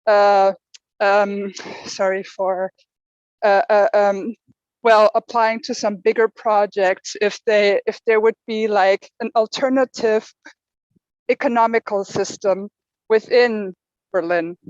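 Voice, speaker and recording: A woman's voice: medium pitch, fairly even intonation, takes it slowly, a little mellow, no echo. Hesitant woman on dull call audio. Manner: hesitant, searching for words. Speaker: workshop participant. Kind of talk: casual discussion on a video call. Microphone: video call. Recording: dull dry laptop audio.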